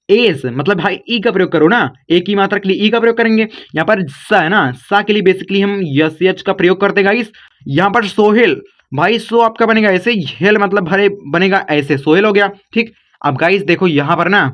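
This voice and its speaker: A man runs a casual online spelling lesson, talking to viewers like friends. His voice sits high. The recording is slightly muffled and lo-fi. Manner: chatty, repeats "bhai" and "guys" to viewers. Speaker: online English teacher.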